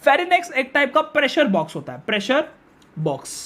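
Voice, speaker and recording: A male science teacher gives a classroom biology lecture. He mixes in English technical terms, asks questions and answers them himself, and repeats key terms slowly for emphasis. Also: very high voice, wildly swooping pitch, a bit bright.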